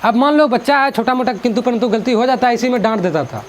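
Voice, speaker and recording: A male teacher talks through a school chapter in a chatty, repetitive manner, dropping in English words. His voice sits very high. A faint hiss of noise runs under the recording. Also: fast. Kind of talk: explaining a school literature chapter.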